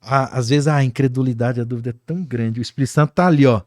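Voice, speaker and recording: A man with a Brazilian accent, a guest pastor talking in an animated, preaching-like way on a podcast. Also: medium pitch, quick pace, no echo, clean studio sound. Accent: Brazilian Portuguese. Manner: animated, acts out quoted voices.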